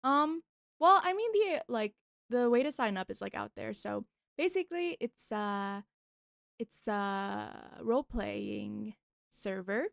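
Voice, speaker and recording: A young woman streamer chatting casually with her viewers, bubbly and talkative, reacting loudly to the chat. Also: mid-range voice, lively intonation, slow, vocal fry, no echo, studio quality.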